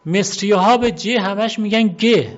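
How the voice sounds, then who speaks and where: A man giving an unhurried, explanatory talk on word origins, often pausing to repeat and spell out words. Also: high-pitched. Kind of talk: explanatory monologue. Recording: dull lo-fi recording.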